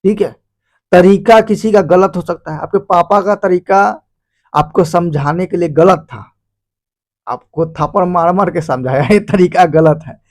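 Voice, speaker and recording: A man's voice: high-pitched, a little slow. A man teaching an informal lesson, acting out the quoted people in his examples and laughing at his own jokes. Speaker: teacher explaining a life lesson.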